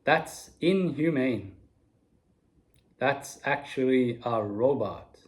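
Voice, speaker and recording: A man in his forties giving a slow, earnest spoken reflection to camera, with soft laughs now and then. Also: mid-range voice, lively intonation. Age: 40s. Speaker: video speaker.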